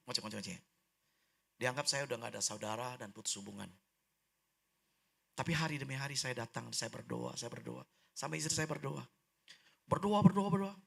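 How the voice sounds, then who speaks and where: A middle-aged man, telling a testimony during a church sermon, lively and humorous, with big swings in pitch. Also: creaky, husky. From Indonesia. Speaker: preacher giving testimony. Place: church hall.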